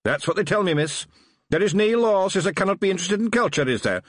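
Guy doing a little scottish feegle copper, high and loud, husky edge, brags about the ballet. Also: animated, fast, no echo, clean studio sound. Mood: chirpy boastful. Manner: chirpy, boastful, broad dialect. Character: tiny cheerful male Feegle policeman fond of culture.

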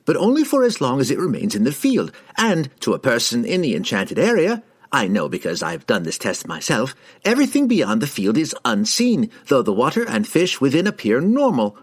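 A man voicing an excitable, fussy wizard. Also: on the high side, pitched above the performer's own voice. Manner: eager, rambling explanations.

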